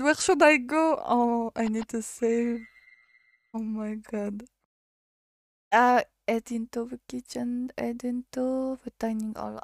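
A woman from France, streaming a game, reading its story aloud and reacting excitably with gasps and laughs. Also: on the high side, vocal fry, no room sound, studio quality.

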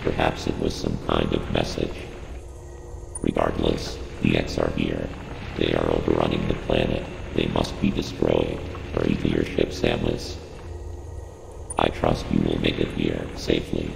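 A man's very deep, gravelly full character voice portrays a cold, analytical computer intelligence giving a scripted mission briefing in a video game. Synthetic and robot-processed, it's completely flat and unhurried, formal, clipped, emotionless, and instructing, with a cold, measured mood. Echoing reverberant game audio carries loud ambient noise.

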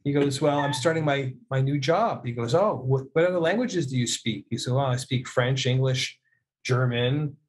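Here a Canadian music producer and audio mixer, middle-aged, talks at normal speed in a medium-pitched voice. Appearing as a guest on a video call from a room indoors, he tells laid-back anecdotes and lively acts out snippets of conversation.

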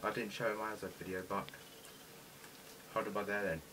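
A British man with a fairly low voice chats eagerly as he unboxes toys, a collector clearly enjoying himself. The home recording is noisy, with clicks and hiss running underneath his talk. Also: level tone, a little fast, far from the mic. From Britain. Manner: chatty, eager toy-collector enthusiasm. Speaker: toy reviewer. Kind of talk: casual unboxing commentary.

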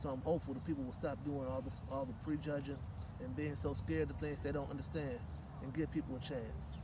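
Seated at a park table outdoors, a middle-aged guest story reader reads a children's picture book in a level tone, fairly quick, at medium pitch. Light outdoor noise and a distant mic color the recording.

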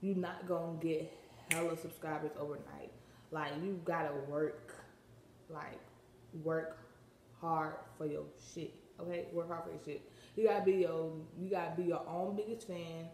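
A woman's voice: sits low, fairly even intonation, moderate pace, a little mellow, roomy sound, a little hiss or hum. A teenage girl vlogging casually, rambling in slang with lots of filler words and a slight lisp from a retainer. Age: teens. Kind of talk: casual vlog chat.

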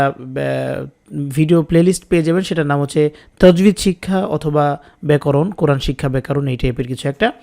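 A man with a slightly high voice teaches Quran reading. He spells out each letter and vowel, then stretches the full words out slowly and patiently, in a steady classroom manner. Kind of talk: spelling-out recitation lesson.

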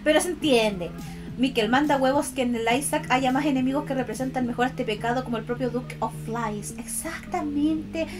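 Woman, high-pitched, Chilean accent, cutesy e-girl manner, casual streamer chat, expressive, music behind her. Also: brisk. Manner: giggly, expressive, affectionate. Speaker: VTuber art streamer. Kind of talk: casual livestream chat, reading and answering viewers' comments. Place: indoors at a computer.

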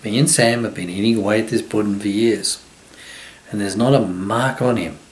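An older man voicing a rough, good-natured sailor who talks in plain slangy speech. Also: lowish voice, fairly even intonation, moderate pace, roomy sound, close to an everyday voice. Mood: boastful. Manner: rough colloquial talk.

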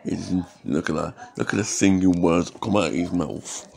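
His voice deep, gravelly and darkish, at a moderate pace, a young English vlogger with a failing voice jokes around to camera at home. He narrates himself in the third person in casual, rambling commentary, filmed at close range by a webcam or phone camera in a small, dim living room.

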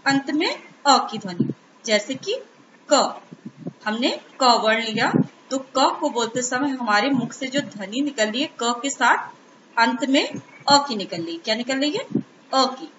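A woman teacher leading a children's Hindi reading lesson, sounding out words slowly and answering her own questions. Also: sits high. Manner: slow, sing-song syllable-by-syllable reading with question-and-answer prompts. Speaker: primary school Hindi teacher. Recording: roomy, dull-sounding recording with noise.

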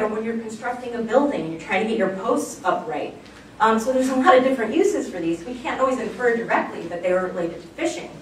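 Enthusiastic woman lecturer, casual with fillers, recorded from afar in a roomy hall with faint noise. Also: medium pitch. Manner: chatty and enthusiastic, many fillers. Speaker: archaeology lecturer. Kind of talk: public slide lecture. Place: lecture room, recorded from far off. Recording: very echoey room, distant mic, faint background noise.

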